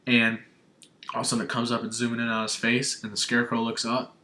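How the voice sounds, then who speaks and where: A young man from Arizona talks through a gaming showcase in an excited, gushing way. His voice sits at an ordinary male pitch. He is a devoted fan recapping for his own channel. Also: quick pace. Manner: gushing, breathless fanboy enthusiasm. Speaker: gaming vlogger. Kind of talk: excited video game recap.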